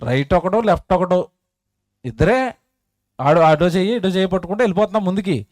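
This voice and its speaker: A man preaching a sermon at a public meeting, asking the crowd rhetorical questions and swinging between loud and soft. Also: high voice, fast talker, no echo, clean studio sound.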